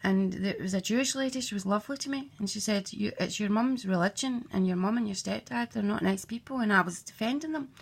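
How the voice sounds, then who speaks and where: Woman, frank personal storyteller, gravelly fry, curses freely, mid-height voice. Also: medium pitch, fast, hardly any pauses. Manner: candid, swearing, blunt storytelling with quoted dialogue.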